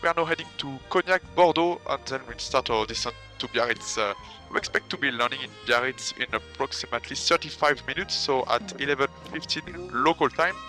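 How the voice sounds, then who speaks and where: A man's voice: medium pitch, brisk, bright, forceful tone, faint music behind, rough recording. A male first officer making a courteous, formal passenger announcement as a pilot on a cockpit headset.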